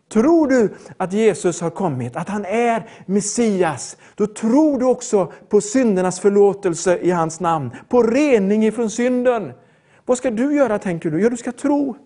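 An older man preaching a sermon in an earnest, emphatic way, mixing slow solemn points with quicker storytelling. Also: very high-pitched, darkish tone.

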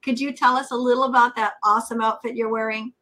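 A woman's voice: fairly high pitch, level tone, quick pace, bright, forceful tone. A woman hosting a talk show, speaking in an exuberant, emphatic way as she welcomes and interviews guests.

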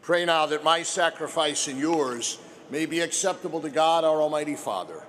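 A man speaking as a priest at Mass, solemn and measured, preaching and praying in liturgical style. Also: on the high side, lively intonation, fairly bright tone. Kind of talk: homily and liturgical prayer. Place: church during Mass. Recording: background noise behind the voice.

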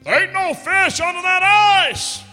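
A deadpan voice from the heavens, put on by a man, loud and bright-edged. It carries a long hall echo with soft guitar beneath. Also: very high-pitched, a little slow, voice pushed up, exaggerated voice. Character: booming male voice from heaven.

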